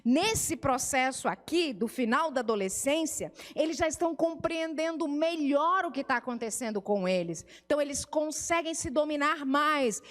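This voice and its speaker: High-voiced Brazilian woman in an echoing hall. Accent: Brazilian Portuguese. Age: middle-aged. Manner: conversational teaching, acts out family dialogues. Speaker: family therapist. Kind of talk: church family seminar talk. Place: church hall. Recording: reverberant church hall.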